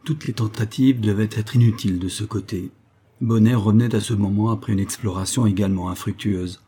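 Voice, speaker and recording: A man reading a classic adventure novel aloud as a steady audiobook narrator. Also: lowish voice, a little fast, breathy edge. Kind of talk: scripted narration.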